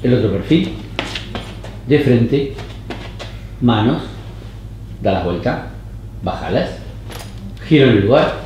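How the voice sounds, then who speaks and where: Man, acting teacher, slow clipped directions, very roomy echo. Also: mid-range voice, lo-fi sound, slight background noise. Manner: terse, calm, even commands. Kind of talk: giving short camera directions. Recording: roomy echoey studio.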